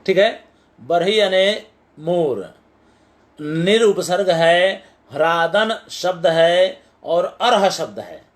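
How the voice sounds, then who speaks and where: An older man teaching Sanskrit poetics in a recorded lecture, explaining slowly, repeating his points and checking that his listeners follow. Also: fairly high pitch.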